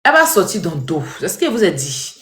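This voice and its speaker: A woman giving animated, scolding commentary straight to her viewers. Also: fairly low pitch, fast. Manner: animated, scolding, repetitive, addresses viewers directly. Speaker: social media commentator. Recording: echoey room.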